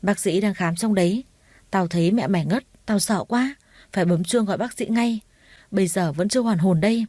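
A woman's voice: medium pitch, fairly quick, dark tone, no echo, natural voice. A woman doing a blunt, caring girlfriend. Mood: reassuring. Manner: blunt, familiar. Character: blunt caring female friend, young adult.

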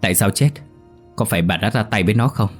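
A man's voice: fairly low pitch, quick pace, soft background music, natural voice. A man voicing an older husband who is frantic and stammering in a narrated story.

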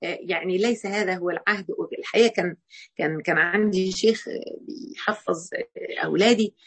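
A woman's voice: on the low side, a little fast, husky. A middle-aged woman with an Egyptian accent giving a conversational religious lecture to women, often restarting and quoting dialogue. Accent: Egyptian Arabic. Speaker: Quran teacher.

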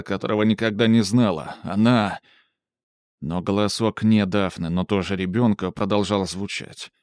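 A man narrating a novel in even, measured audiobook style. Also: lowish voice, no echo, studio quality.

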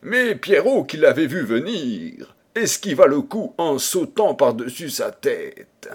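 A man reads an old fairy tale aloud at a leisurely pace, dramatizing each scene. His voice is animated, rising and falling widely to color the action of the story. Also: fairly high pitch, slow, slightly rough. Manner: dramatic, theatrical reading. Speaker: audiobook reader. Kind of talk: expressive storybook narration.

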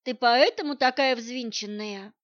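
A caring, firm woman friend, read by a woman narrating a storybook, speaks soothingly yet insistently. Her voice sits a little high, and the audio is dull and lo-fi. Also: unhurried, lightly acted. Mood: concerned. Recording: dull lo-fi sound.

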